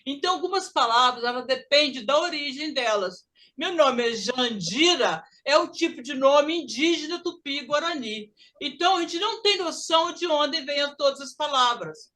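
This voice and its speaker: A woman with a Brazilian Portuguese accent teaching an English pronunciation lesson, lively and drilling words slowly for students to repeat. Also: sits high.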